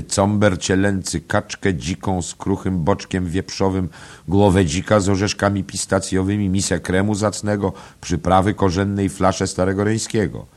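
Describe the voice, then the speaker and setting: A man's voice: deep voice, darkish tone, pitched above the performer's own voice, natural voice. A man voicing a humble, servile innkeeper from an old-fashioned tale, bowing and apologetic as he speaks.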